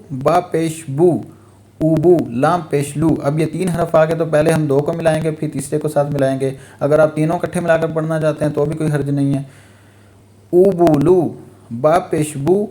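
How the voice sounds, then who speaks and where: A man teaching a Noorani Qaida lesson in Urdu, slowly repeating letter-and-vowel drills and briefly explaining in between. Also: a little high, dark tone. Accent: Pakistani Urdu. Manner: slow repetitive spelling drills, letter by letter. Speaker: Quran reading teacher.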